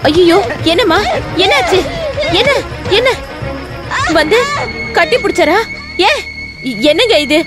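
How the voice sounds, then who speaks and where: A woman's voice: expressive, takes it slowly, long pauses, loud music behind the voice, heavily acted. A fiercely protective servant woman. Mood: indignant. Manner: shrill, indignant.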